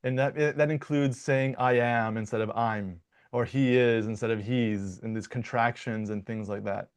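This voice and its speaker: A young American man from Michigan, a dialect coach, answering interview questions in a relaxed, playful way with frequent restarts and fillers. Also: medium pitch, moderate pace, clean tone. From Michigan, United States.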